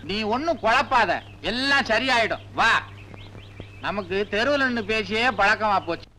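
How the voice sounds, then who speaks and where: A jovial, reassuring older friend. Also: male voice, high-pitched, animated, moderate pace, pushed and bright, a little hiss or hum. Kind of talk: film drama acting.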